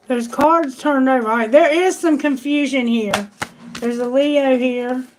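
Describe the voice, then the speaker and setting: A woman's voice: high voice, heavy background noise. A woman doing a live tarot reading, chatty and exclamatory, thinking aloud, and losing her voice. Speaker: tarot reader.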